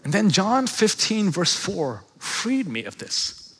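High-voiced pastor preaching in a reverberant hall. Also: male voice, very animated, slow, breathy edge. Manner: dynamic, swings between loud emphatic peaks and hushed low passages. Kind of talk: sermon. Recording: long reverb of a large hall.

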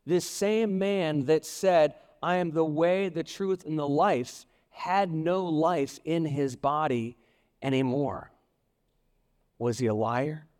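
A man's voice: fairly high pitch, darkish tone. Pastor, male, storytelling sermon delivery, long echo of a large hall. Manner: storytelling, acts out quoted voices.

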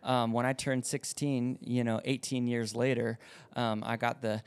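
A man who is a pastor, telling stories in a casual podcast chat with lively delivery. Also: medium pitch, a little slow, smooth. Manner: lively storyteller, acts out voices in anecdotes.

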